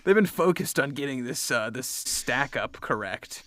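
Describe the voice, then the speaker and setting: A man's voice: medium pitch, animated, a little slow, a bit bright. A man co-hosting a podcast, making up a story in casual chat, rambling with many restarts. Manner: rambling, lots of fillers and restarts. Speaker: podcast co-host.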